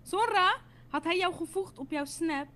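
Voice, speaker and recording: A young woman on a video chat, talking in casual slang and explaining insistently and haltingly. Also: extremely high pitch, sharp tone. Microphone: video call.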